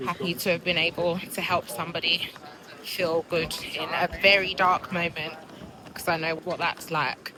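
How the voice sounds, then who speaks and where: A woman's voice: lowish voice, flat delivery, normal speed, a crowd in the background. A woman in her thirties chatting candidly and upbeat in a casual vlog. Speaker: vlogger. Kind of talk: casual vlog chat to camera. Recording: noisy background.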